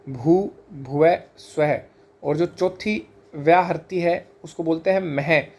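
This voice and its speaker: A man giving an explanatory scripture lesson, measured, slowing down to spell out sacred terms one by one. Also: a little high, vocal fry, darkish tone. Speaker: teacher of Vedic scripture.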